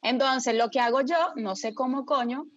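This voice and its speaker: A woman tells a story casually to friends, dramatic and lively, swearing freely and often checking that they're following. Her voice sits high and moves at normal speed. The recording is lo-fi, with no room sound.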